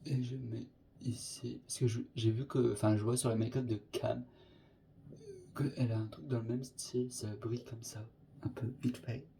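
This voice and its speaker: A man's voice: mid-range voice, flat delivery, normal speed, vocal fry, mellow, slight background noise. Chatty young man doing makeup. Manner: chatty, scattered, peppered with English filler words. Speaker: makeup vlogger. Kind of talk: casual makeup tutorial chat.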